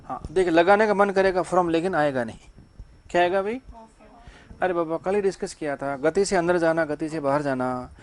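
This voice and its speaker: A man's voice: high voice, normal speed. A man teaching English grammar to a class. He keeps asking the students questions and then answers them himself.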